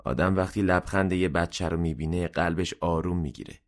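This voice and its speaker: A man voicing an insistent old woman customer in a narrated story. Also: deep voice. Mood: excited. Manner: insistent, marveling.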